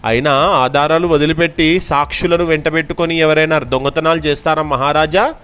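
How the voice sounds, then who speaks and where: A man voicing a scheming male merchant who loudly accuses his friend, in a raised, insistent voice. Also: fairly high pitch, fairly even intonation, fairly quick, clean tone, pitched above the performer's own voice, natural voice. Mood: accusing.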